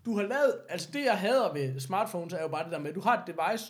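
A man chatting casually as a podcast co-host, his voice sitting fairly high for a man. He argues his points with animation, often slipping into mock voices to quote other people. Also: animated. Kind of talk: casual chat.

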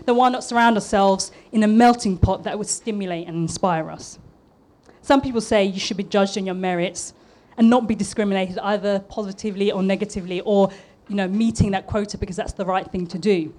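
A woman in her thirties from East London, England, who works as an architect and public speaker, delivers a prepared talk in a polished southern English accent. Her medium-pitched voice is slightly mellow and fairly even, moving a little quickly. She comes across as earnest and a bit nervous, restarting phrases here and there.

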